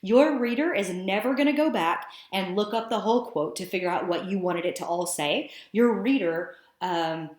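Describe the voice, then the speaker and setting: A woman's voice: medium pitch, moderate pace, few pauses, darkish tone. Woman teaching in an echoey room. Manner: explanatory, conversational, with fillers. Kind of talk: screencast lesson narration. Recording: roomy echo.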